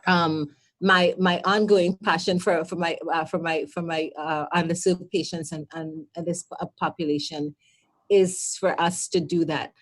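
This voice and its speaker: A Trinidadian woman from Trinidad and Tobago gives passionate testimony on a panel as a healthcare advocate. Her voice is fairly low, steady and unhurried, and she speaks earnestly, often stumbling over repeated words.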